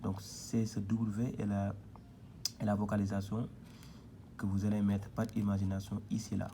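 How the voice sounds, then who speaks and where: Low gravelly guy teaching reading, slow and patient, sounds out each syllable, bit of hiss behind. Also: level tone, warm tone. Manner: patient, repetitive, spells out syllables one by one. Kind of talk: slow board lesson, syllable drilling.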